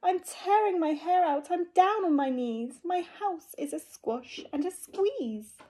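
A woman's voice: very high-pitched, animated, slow pace, warm tone, pitched above the performer's own voice, full character voice. A woman voicing a fussy, grumbling little old lady from a picture book, pleading and exclaiming. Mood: fretful pleading.

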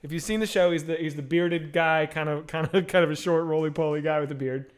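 Speaking quickly with a voice on the high side, a thirtysomething man hosts a relaxed video call like a podcast. He's on a headset mic at home among bookshelves, spinning crude tales with plenty of energy.

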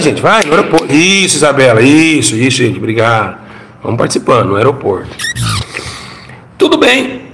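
A man's voice: mid-range voice, fairly bright tone, a little hiss or hum. Dramatic Brazilian man telling his story. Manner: dramatic storytelling, repeats phrases, gets the audience to repeat after him. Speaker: former pastor. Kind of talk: emotional testimony before an audience.

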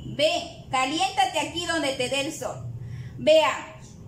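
A woman's voice: sits high, takes it slowly, a little hiss or hum. Woman playing a bossy cheerful penguin. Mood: coaxing. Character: cheerful bossy male penguin, eager helper. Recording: echoey room.

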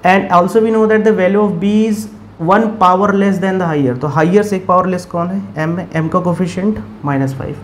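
An Indian man walks through a math solution at a slow, measured pace. His voice sits a little on the high side, and he pauses to quiz his listeners before giving the answer. A faint background hiss runs under the recording. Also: steady tone. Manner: step-by-step, asks questions and answers them himself. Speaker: math teacher. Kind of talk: explaining a math problem, mixing Hindi and English.

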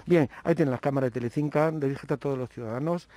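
A man's voice: medium pitch, rapid-fire, mellow. A man interviewing a guest for local television, speaking formally in long, winding sentences. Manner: formal, long-winded phrasing.

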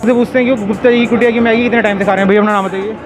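A young man talks through a face mask. He hosts a street food vlog, chatty and repetitive, with hesitant fillers as he questions people. Loud music and crowd chatter fill the outdoor recording. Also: sits high, fairly even intonation, very fast. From Meerut, India. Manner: chatty, repeats himself, hesitant fillers when asking questions. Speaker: food vlogger and interviewer.

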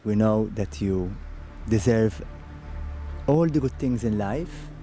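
A man's voice: lowish voice, animated, slow pace, warm tone, soft background music. A man in his thirties with a Maltese accent, hosting an outdoor TV segment in a garden, coaching his guest and repeating himself before turning sentimental. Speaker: TV host. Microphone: handheld microphone.

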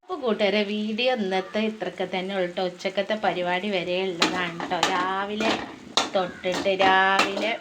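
Cooking at home amid loud clanging pots, dishes and stirring, this Malappuram, Kerala mother narrates her vlog casually and keeps adding friendly tag questions for viewers. Her voice is lowish and steady, and she speaks quickly with hardly a pause, so the clip is very noisy.

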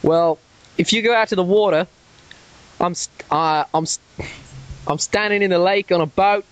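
An Australian prank caller talks at normal speed in a high-pitched voice over the telephone. His call is a rambling, stammering affair, peppered with curses when he gets agitated.

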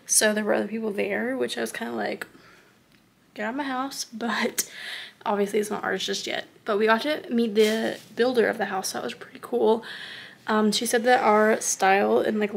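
Bubbly young woman with a gravelly edge. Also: on the high side, moderate pace. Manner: bubbly, chatty, excitable. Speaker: vlogger. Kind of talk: casual vlog talk to camera. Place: bedroom at home, indoors. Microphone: camera at arm's length.

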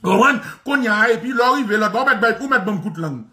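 A Haitian man with a Haitian Creole accent delivers a mocking political monologue that keeps circling back on the same phrases. His voice sits high and rings bright and forceful. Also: a little fast. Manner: animated and mocking, repeats phrases, often laughing.

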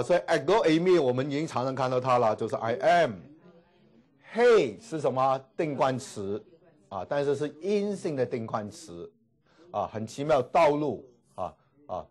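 A man teaching a classroom lecture, repeating each word slowly and filling pauses with drawn-out particles. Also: mid-range voice, darkish tone. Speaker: Greek language teacher. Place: classroom with students.

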